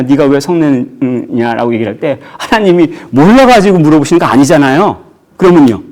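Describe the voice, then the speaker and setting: A man's voice: a little high, darkish tone. A man preaching a sermon as pastor in a church, asking the congregation rhetorical questions and raising his voice sharply when he acts out quotes.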